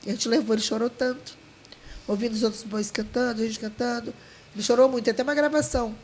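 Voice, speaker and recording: High-voiced woman. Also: fairly even intonation, fast talker, slight background noise. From Maranhão, Brazil. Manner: heartfelt, full of restarts and quoted dialogue. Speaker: guest, leader of a folk dance group. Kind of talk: emotional storytelling.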